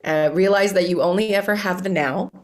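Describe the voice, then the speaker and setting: A woman's voice: medium pitch, brisk. A woman, a music coach and author, talking enthusiastically in a podcast interview, full of restarts and eager asides. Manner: enthusiastic, animated storytelling with many restarts.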